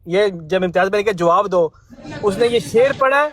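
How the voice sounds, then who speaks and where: A man's voice: sits high, expressive. A man joining a casual panel discussion from his car while driving, rambling and repeating words as he tells a story. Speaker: panel guest.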